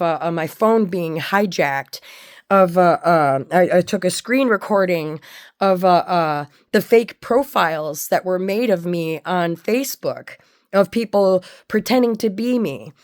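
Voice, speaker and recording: A woman giving a candid personal monologue in a blunt, sweary way, often halting as she searches for words. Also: fairly low pitch, smooth. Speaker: personal storyteller.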